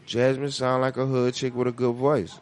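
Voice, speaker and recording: An American man in a casual, heated music debate, animated and argumentative, with slangy, profane talk. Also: mid-range voice, normal speed.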